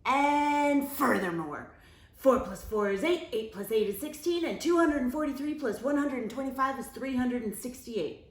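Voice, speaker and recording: A woman's voice: sits high, animated, moderate pace, echoey room, pitched above the performer's own voice. A woman voicing a big, mean, know-it-all young capybara in a storybook, brash and emphatic. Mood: showing off. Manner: loud, brash, emphatic showing off.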